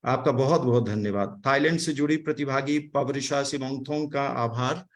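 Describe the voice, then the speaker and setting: At an online event, a man from Delhi, India, offers formal academic remarks and thanks, unpacking word meanings amid hesitant fillers. He speaks over video call in a mid-range voice at a moderate pace.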